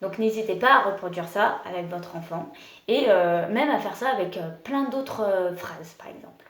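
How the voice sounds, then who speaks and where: A woman leading an early-childhood music lesson for parents and children, explaining slowly and gently with many pauses and fillers. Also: mid-range voice. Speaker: music teacher. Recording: roomy room with faint noise.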